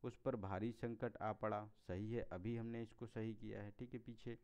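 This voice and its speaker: A man's voice: lowish voice, flat delivery, normal speed, darkish tone, clear, resonant tone. A man teaching as he walks through exam answers, explaining each one step by step and moving on with set phrases. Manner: explanatory, repeats "theek hai" and "next hai". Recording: slightly dull lo-fi sound.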